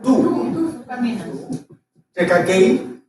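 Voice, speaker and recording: Very animated and extremely slow, this Chilean language teacher has a very high-pitched voice with a darkish tone. He patiently explains and keeps asking "¿cierto?" to make sure students follow. He sounds echoey and far from the mic, with faint noise.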